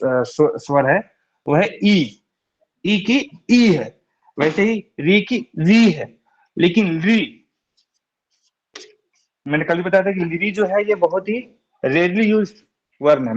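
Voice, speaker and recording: A man leads an online grammar class in a slightly higher voice. He explains patiently, one step at a time, and keeps checking that his students follow. The call audio is dull and lo-fi. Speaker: Sanskrit teacher.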